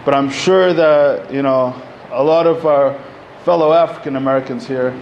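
Speaking into a podium microphone, a man in his thirties who comes from Egypt gives a public talk as a panel speaker in a community center hall. He uses a mid-range voice at a moderate pace, with frequent fillers and restarts in a conversational style. The recording sounds muffled and has a faint hiss or hum.

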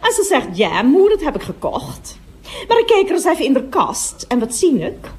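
A woman's voice: high voice, wildly swooping pitch, moderate pace, darkish tone. An actress playing a gossipy middle-aged woman toilet attendant in a radio comedy monologue, chattering on and breaking off to speak to customers.

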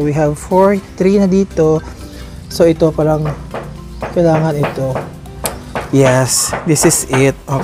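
Casual vlogging woman, medium pitch, chatty and giggly, soft music underneath. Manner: chatty, warm address to viewers, frequent giggles. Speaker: plant vlogger. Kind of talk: casual chat. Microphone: clip or handheld mic in later part.

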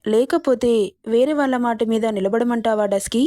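A woman voicing an arrogant, domineering young male boss in a romance story, with mocking, fast retorts. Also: fairly high pitch, dark tone, dry recording, studio quality, natural voice.

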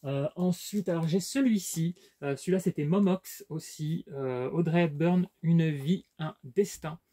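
French guy rambling about his collection, dark husky voice, lots of "euh". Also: on the high side, a little slow. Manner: hesitant, many fillers and restarts. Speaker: collector showing his purchases. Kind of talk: casual unboxing vlog chat.

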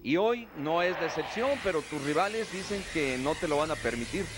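A man's voice: a little high, animated, fairly quick, background noise. A middle-aged Mexican man working as a wrestling commentator and interviewer on lucha libre. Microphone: handheld microphone. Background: music.

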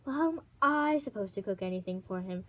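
A woman's voice: on the high side, animated, moderate pace, a little mellow, natural voice, low-quality recording. A woman voicing a proud, prickly young male ice dragon who talks in a demanding, grumpy way. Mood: angry.

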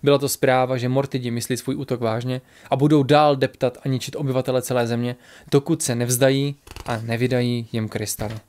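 A man narrates a fantasy audiobook in an even, measured way. His voice sits at an ordinary middle pitch for a man.

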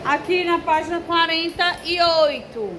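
Brazilian woman, schoolteacher, high and bright voice, slow patient delivery, faint background noise. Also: poor audio. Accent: Brazilian Portuguese. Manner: slow, patient, spells out letters and syllables. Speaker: primary school teacher. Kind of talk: recorded remote class.

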